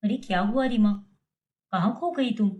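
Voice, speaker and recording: Kind elder sister-in-law, calm and reassuring, a little low, voiced by a woman in a cartoon. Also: normal speed, lightly acted. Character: gentle elder daughter-in-law, mild and accommodating.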